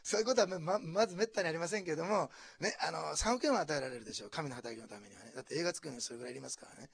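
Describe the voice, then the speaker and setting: A male pastor from preaching a sermon, dropping to hushed asides and then rising to loud, animated exclamations. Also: on the high side, racing, creaky, breathy edge, no echo. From Japan, Osaka.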